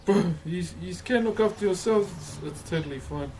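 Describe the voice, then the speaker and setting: A man with a broad Kiwi accent talks casually to his livestream viewers. His voice sits a little high, and his manner is laid-back and chummy, full of matey slang. There is clear noise behind him. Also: normal speed, warm tone. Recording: noticeable background noise.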